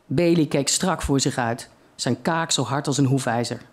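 A reader telling a short story aloud at a literary evening in a steady, measured way. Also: mid-range voice.

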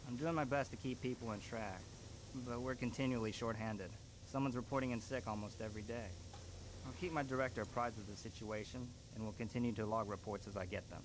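A man's voice: medium pitch, fairly even intonation, close to an everyday voice. A man as a worried base supervisor. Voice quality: measured, report-like. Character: worried male base supervisor, middle-aged. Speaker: facility supervisor in an audio log. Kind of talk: recorded log entry from a video game. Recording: game audio with noise behind.

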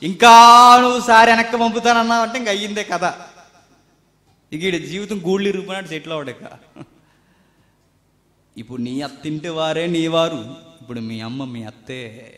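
A man preaching a sermon, swinging between loud emphatic lines and quiet asides, acting out the voices he quotes. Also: a little high, moderate pace, pauses often. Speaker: pastor. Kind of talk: Telugu sermon. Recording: roomy hall with long reverb.

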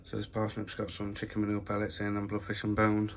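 A man with a low, monotone voice talks casually through a phone walk-through of his plot, full of fillers. Wind and outdoor noise sit clearly behind him. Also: fast talker. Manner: chatty, plain-spoken, full of fillers. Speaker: allotment vlogger. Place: windy allotment outdoors, then a room at home.

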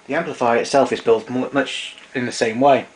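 This man talks briskly at medium pitch with fairly even intonation while informally demonstrating equipment and explaining it in a practical way. He's in a small indoor room at home, recorded by a camera mic a short distance away; the result is a noisy amateur recording with noticeable background noise.

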